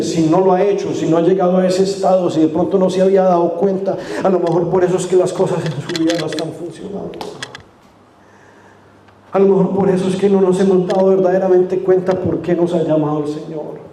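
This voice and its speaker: Male pastor, high mellow voice, earnest sermon, roomy church mic. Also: level tone, fairly quick. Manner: earnest, addressing the congregation directly; dramatic drops to a hushed voice for quotes. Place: church sanctuary. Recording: echoey church room.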